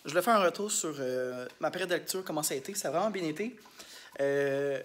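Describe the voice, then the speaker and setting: Speaking fast and expressively in a slightly high voice, this Québécois schoolteacher talks openly in his vlog diary, wandering from point to point and leaning heavily on fillers. The recording is very noisy.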